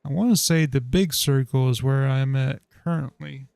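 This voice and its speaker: A man's voice: mid-range voice, moderate pace, creaky, a little mellow, clear, resonant tone, dry recording. A man streaming a game with casual commentary, hesitantly thinking aloud as he plays, close to the microphone. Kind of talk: casual gameplay commentary, reading dialogue choices aloud.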